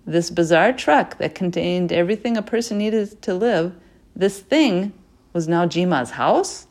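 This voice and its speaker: A woman reads a chapter book aloud in an expressive storytelling voice. Her tone sits a little low, and she drops softly into her asides. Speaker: narrator. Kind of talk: audiobook reading.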